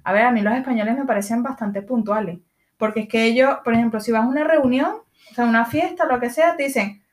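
A woman with a Venezuelan accent co-hosting a podcast in casual chat, expressive and acting out the lines she quotes. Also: fairly high pitch, fast. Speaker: podcast co-host.

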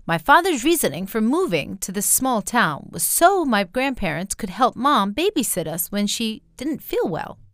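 Expressive woman storyteller, lively pitch. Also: moderate pace, hardly any pauses, no echo, studio quality. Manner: expressive storytelling, acting out quotes. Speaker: narrator. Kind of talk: scripted story narration.

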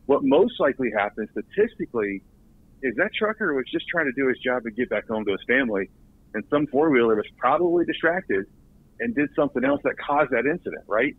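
A man's voice: medium pitch, very animated, fairly quick, husky, no room sound. A man, a guest on a podcast interview, talking in an earnest way and often repeating words as he restarts. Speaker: recruiting director guest. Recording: tinny phone line.

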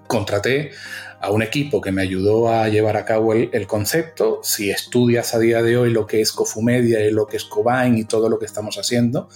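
A man's voice: fairly low pitch, fairly even intonation, brisk, a little mellow, soft background music. A middle-aged man from Venezuela with a mixed Venezuelan and Canarian accent, talking enthusiastically as an interview guest and often adding tag questions. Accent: mixed Venezuelan and Canarian Spanish. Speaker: guest, agency founder. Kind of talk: casual interview.

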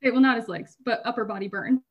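A woman's voice: a little high, racing, dull audio, slight background noise. A woman co-hosting a podcast, talking casually in a rambling way, often cutting herself off and laughing through hard stories. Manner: rambling, self-interrupting, laughs while telling hard stories. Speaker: podcast co-host.

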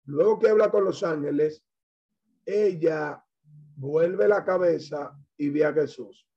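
A man's voice: fairly high pitch, husky, highs cut off. A man preaching a sermon in Spanish, explaining a Bible passage verse by verse and quoting scripture. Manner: slow, measured preaching with scripture quotes.

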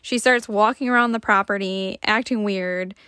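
A woman's voice: mid-range voice, fairly even intonation, normal speed, pushed and bright, clean tone, no room sound, studio quality. A young woman with a Michigan accent, casually telling a story on a podcast with lots of fillers. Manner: chatty, lots of fillers and laughs. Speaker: podcast co-host.

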